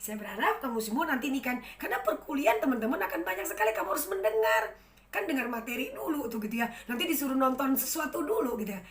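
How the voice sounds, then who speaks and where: A woman in her thirties, a university lecturer, giving a chatty, lively lecture straight to the camera in an empty room. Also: on the high side, quick pace, reverberant. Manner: lively, chatty, addresses students directly. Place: room without an audience.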